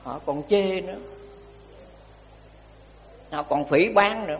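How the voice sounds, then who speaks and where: Older monk, folksy sermon. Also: male voice, high voice, takes it slowly, long reverb tail. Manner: colloquial, repetitive, folksy humor. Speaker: Buddhist monk. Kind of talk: dharma talk.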